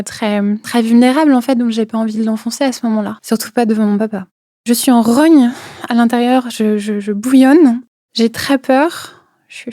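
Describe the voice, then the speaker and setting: A woman's voice: a little high, dark tone, no echo, clean studio sound. A young woman recounting a personal experience, hesitant, with many fillers and repeated words, sometimes dropping to a near whisper. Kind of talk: personal testimony.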